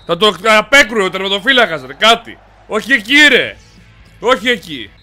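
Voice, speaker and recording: A young man loudly commenting while he plays a football video game, cheering and cursing at his players. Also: high-pitched, faint music behind. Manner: loud, excitable, yells and swears at his players. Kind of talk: excited gaming commentary.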